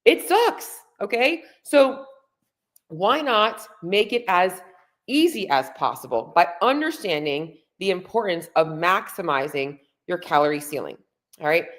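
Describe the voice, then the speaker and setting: A woman's voice: expressive, unhurried, fairly bright tone. Woman fitness coach in her 40s chatting on a livestream, blunt n fired up like too much caffeine. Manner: over-caffeinated high energy, fired-up and emphatic; blunt, salty-tongued. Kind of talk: casual motivational livestream talk to viewers. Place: room at home.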